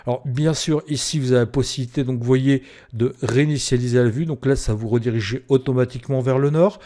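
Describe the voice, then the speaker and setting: Man, tutorial presenter, mellow and warm, unhurried click-by-click explanation with fillers. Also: mid-range voice, steady tone. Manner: explains step by step with many fillers. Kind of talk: screen-recorded software tutorial.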